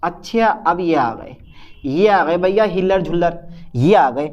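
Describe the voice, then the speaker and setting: Male chemistry tutor with a high voice, casual and chatty, playing both teacher and student in a slightly dull, lo-fi recording. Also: slow. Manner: lively, plays both teacher and student in a back-and-forth. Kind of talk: casual Hindi classroom lecture.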